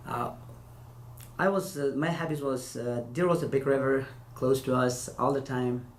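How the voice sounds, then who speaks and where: A man from Afghanistan, a former interpreter, gives casual interview answers in hesitant, halting non-native English full of restarts. His voice is mid-range with fairly even intonation. He's recorded in an echoey room with faint hiss.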